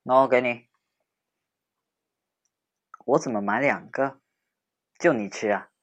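A man's voice: medium pitch, takes it slowly, highs cut off. Young adult male, teasing and snarky childhood friend for a role-play audio drama. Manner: teasing, snarky, then gently soothing.

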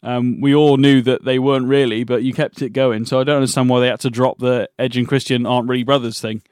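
A man's voice: medium pitch, flat delivery, quick pace, a little mellow, clean tone, dry recording. Hesitant man on a dry mic. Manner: hesitant, filler-heavy, laughs often. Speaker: podcast co-host. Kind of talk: casual chat.

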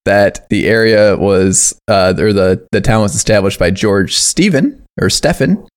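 A man's voice: fairly low pitch, animated, a little slow. A man co-hosting a casual podcast, reading history notes aloud with fillers and restarts. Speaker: podcast co-host.

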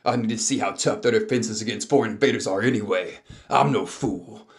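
A man voicing a menacing, gloating dark-magic overlord in a fan audio drama, with theatrical, grandiose delivery. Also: on the low side, fairly quick, voice pushed up, lightly acted. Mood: smug, gloating.

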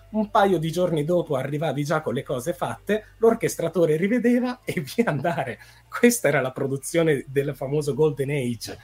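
A man who writes film scores explains his craft in a relaxed, conversational tone. He builds his points step by step with examples, even humming a melody. Faint music plays softly underneath. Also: fairly high pitch. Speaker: film composer. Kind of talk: casual explanatory chat.

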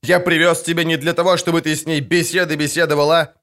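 A man's voice: fairly high pitch, level tone, quick pace, fairly bright tone, pitched above the performer's own voice. A man reading an audiobook, voicing a hot-tempered, haughty prince who barks orders. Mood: angry. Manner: barking, imperious. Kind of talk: audiobook character voice.

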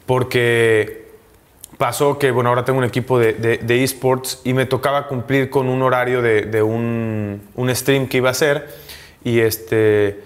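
A man in his thirties with a Mexican accent, speaking candidly as an interview guest, with frequent pauses, fillers and restarts. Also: mid-range voice, fairly even intonation. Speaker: interview guest, professional footballer. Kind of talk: casual conversational interview.

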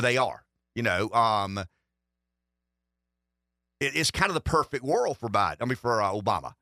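A man's voice: mid-range voice, bright, forceful tone, no room sound, clean studio sound. A man hosting a political talk radio show, giving opinionated commentary and often repeating words as he starts a thought.

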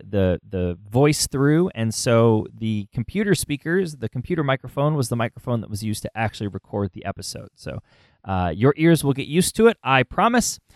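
A man hosting a podcast, talking conversationally with halting phrasing and repeated words. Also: medium pitch, no room sound, studio quality. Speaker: podcast host. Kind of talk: conversational podcast intro and interviewing.

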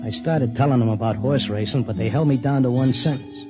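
An actor in a 1950s radio drama playing a streetwise, wisecracking racetrack hustler who also narrates. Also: male voice, medium pitch, fairly quick, loud music behind the voice, lightly acted. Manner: streetwise slang, hard-boiled. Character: wisecracking racetrack hustler, tough-talking husband. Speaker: narrator and lead.

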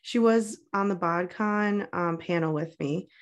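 A woman's voice: on the low side, measured pace, highs cut off. Chatty millennial woman podcast host. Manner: chatty, self-deprecating, lots of fillers. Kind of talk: casual chat.

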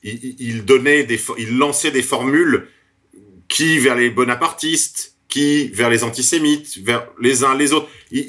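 A male radio host speaks in a hesitant way, stumbling over repeated words before his sentences come out. His pitch is ordinary for a man. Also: sharp tone. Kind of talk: radio interview.

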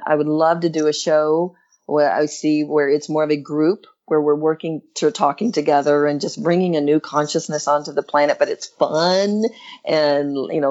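A woman's voice: low-pitched, a little mellow. A woman in her fifties talks like a self-help coach in an interview. She is earnest and instructive, often posing questions to the listener. The audio is somewhat dull and lo-fi. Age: 50s. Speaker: interview guest, relationship and spiritual coach. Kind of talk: conversational self-help talk.

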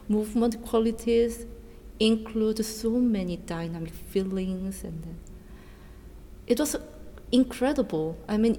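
A woman in her thirties from South Korea, a dancer speaking in English with a Korean accent, answering interview questions earnestly in halting non-native phrasing. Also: medium pitch, warm tone. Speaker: dancer and choreographer. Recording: reverberant room with faint noise.

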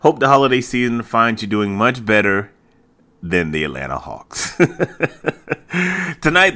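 A man's voice: medium pitch, bright, forceful tone. A man hosting a sports podcast in a casual, colloquial chat, often repeating phrases for emphasis. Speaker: podcast host.

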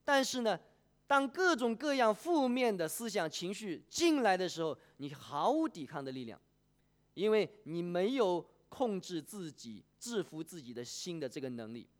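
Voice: mid-range voice, normal speed. A preacher delivering a sermon, asking the congregation questions and polling them by a show of hands. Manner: animated, poses questions and polls the congregation.

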